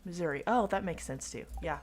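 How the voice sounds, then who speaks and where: A streamer from Oklahoma with a light Oklahoman accent chats casually with her chat while gaming, rambling, mocking herself, and giggling. Her voice is on the low side with lively intonation and a fairly quick pace, over a little hiss or hum.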